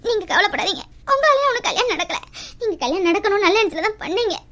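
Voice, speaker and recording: A woman's voice: very high voice, expressive, fast, a bit bright. A woman playing an anxious young woman who defends her family, tearful and pleading in a family drama skit.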